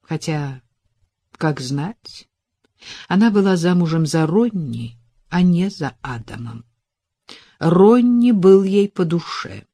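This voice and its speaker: A woman narrating a romance novel as an audiobook in a measured, unhurried reading. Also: lowish voice, sing-song, mellow, no echo.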